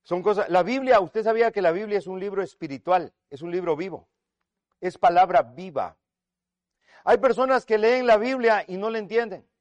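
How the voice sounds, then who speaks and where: A man preaching a sermon, swinging between loud declarations and hushed asides and speaking to each listener as "brother". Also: high voice, normal speed, dry recording. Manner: acts out quoted voices in retold scenes.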